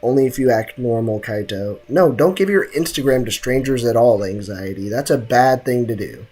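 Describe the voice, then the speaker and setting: A game streamer reacts to a game while bantering with live chat, teasing and slangy. The voice is medium-pitched and husky, with a warm tone and moderate pace.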